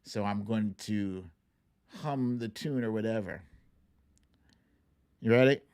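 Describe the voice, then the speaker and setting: A man with a fairly low, slightly mellow and smooth voice takes things slowly as he hosts a live online song-guessing game. He chats casually with his audience, reading out viewer names and chuckling between playful, informal remarks.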